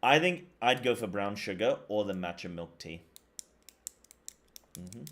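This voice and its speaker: A man's voice: on the low side, expressive, a little slow, fairly bright tone. Rambling male streamer chatting casually. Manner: rambling, slangy, repeats phrases. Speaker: live streamer and esports caster. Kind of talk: casual livestream chat with viewers.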